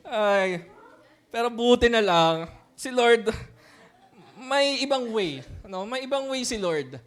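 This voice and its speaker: A man's voice: very high voice, animated, takes it slowly. A man, a pastor, telling a personal story in a sermon, mixing in English words and often laughing as he talks. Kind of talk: sermon testimony.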